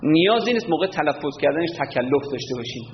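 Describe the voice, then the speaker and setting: A man teaching prayer recitation, lecturing and demonstrating verses with slow chanting. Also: on the high side, lively intonation. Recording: roomy hall, dull lo-fi sound, faint background hum.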